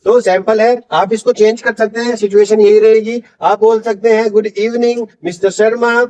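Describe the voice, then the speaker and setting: A man teaching spoken English in Hindi, slowly modelling English phrases for learners to repeat. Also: sits high, level tone, darkish tone, distant mic.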